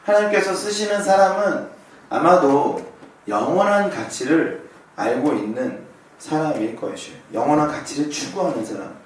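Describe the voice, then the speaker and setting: A man in his thirties preaches as pastor at a moderate pace, his slightly high voice full of lively intonation. He shares a personal story and questions the congregation, recorded from a distance in a very echoey hall with slight background noise.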